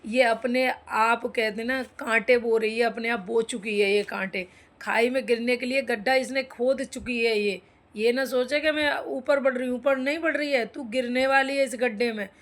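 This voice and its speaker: Woman going off in an angry rant, scolding everyone, kinda high voice. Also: steady tone, normal speed. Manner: scolding, indignant, addresses people directly. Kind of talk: angry opinion rant to viewers.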